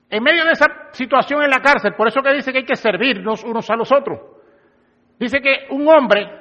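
A man's voice: very high-pitched, pushed and bright. A male pastor preaching a sermon in a church hall, talking to his congregation directly and conversationally. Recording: dull lo-fi recording with long hall reverb.

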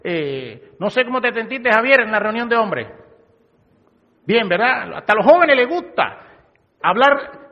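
A male pastor preaching a sermon in a church hall, talking to his congregation directly and conversationally. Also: extremely high pitch. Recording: dull lo-fi recording with long hall reverb.

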